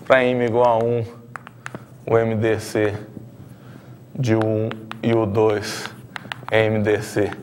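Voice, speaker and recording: A man's voice: lowish voice, flat delivery, slow pace, long pauses, a little mellow, slight background noise. A middle-aged man with a Brazilian Portuguese accent, a math professor working through a proof and checking in with tag questions. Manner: explanatory, frequent tag questions, thinking aloud at the board. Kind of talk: blackboard math lecture.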